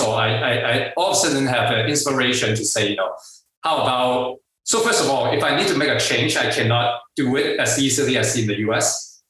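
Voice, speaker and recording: He's a middle-aged entrepreneur, a guest on a casual interview, recounting his story in a Hong Kong accent. His medium-pitched voice is bright and forward, but his speech halts, restarts, and fills with fillers, broken up by frequent laughter. The mic is some way off, and the room echoes heavily.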